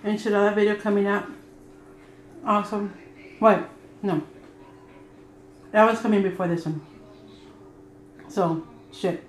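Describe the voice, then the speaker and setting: A woman's voice: medium pitch, steady tone, measured pace, pauses often, reverberant, a little hiss or hum. A woman hosting a casual eating-show vlog, chatting and joking while she eats. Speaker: vlog host.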